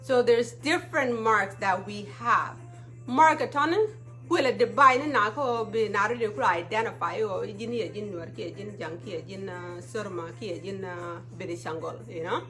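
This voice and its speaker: A woman's voice: mid-range voice, moderate pace, pushed and bright, faint music behind. A woman from Ethiopia, hosting a casual live stream and often checking in with her viewers. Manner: chatty, often checks in with "okay?". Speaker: livestream talk show host.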